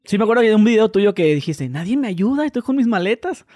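A man with a Mexican accent hosting a relaxed, joking interview chat. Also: sits high, fast, no room sound, studio quality. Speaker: host.

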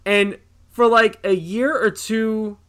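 A man in his thirties co-hosting a podcast, telling casual, animated and profane stories with acted-out quotes. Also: high-pitched, slow, smooth. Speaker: podcast co-host. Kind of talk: casual storytelling chat.

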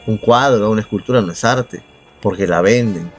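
A Peruvian man co-hosts a casual podcast in a lowish voice at a moderate pace. He's argumentative and sarcastic, swearing freely as he shares his opinions, with music running under his voice.

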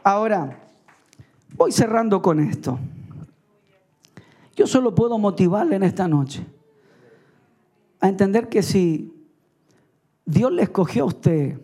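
A man's voice: high-pitched, animated, slow pace, long pauses, mellow. A middle-aged male pastor preaching an evening sermon, telling his own story earnestly with chuckling asides. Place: evening church service.

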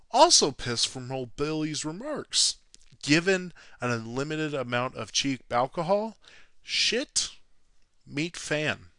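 A man's voice: medium pitch, bright, forceful tone, clean tone, no room sound. A man narrating a sports history story from a script, sarcastic and self-mocking, with frequent swearing. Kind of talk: read-from-script narration with jokey asides.

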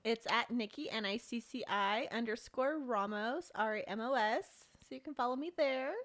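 A woman's voice: fairly high pitch, normal speed, fairly bright tone. A woman guest on a podcast, chatting casually and effusively. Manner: effusive, enthusiastic. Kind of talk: casual chat.

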